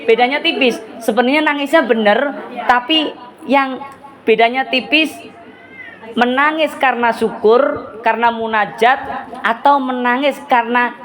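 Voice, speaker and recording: A man preaching to a women's study group, animated, acting out scolding and prayer voices. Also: very high-pitched, unhurried. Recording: lively crowd audible in the hall.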